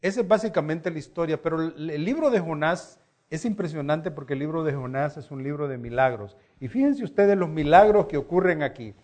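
Animated male preacher, higher voice. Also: a little fast, hardly any pauses. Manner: animated storytelling with acted quotes. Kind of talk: sermon.

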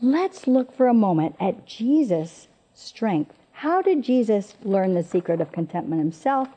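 A woman's voice: mid-range voice, sing-song, measured pace, warm tone. Earnest woman teaching scripture. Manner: earnest, emphatic, repeats key phrases. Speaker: speaker at women's Bible teaching. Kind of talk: expository Bible teaching. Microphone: presenting from notes on a screen.

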